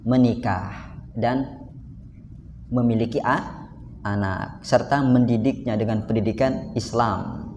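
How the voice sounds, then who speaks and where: In an echoey hall with faint noise behind him, a male Islamic preacher with a medium-pitched, slightly mellow voice gives a light, jokey sermon to a live congregation. He keeps turning to address the listeners directly.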